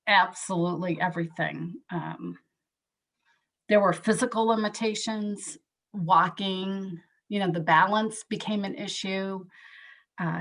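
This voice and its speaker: A woman as an interview guest, giving a candid, earnest personal account and pausing often with soft hesitations. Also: mid-range voice. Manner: earnest, reflective, pauses with soft "um"s.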